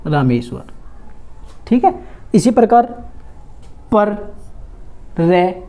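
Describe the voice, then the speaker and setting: A woman teaching a grammar lesson for exam students, asking questions and answering them herself, slowly drawing out and repeating sounds. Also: on the low side, very animated, dark tone. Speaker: Hindi teacher.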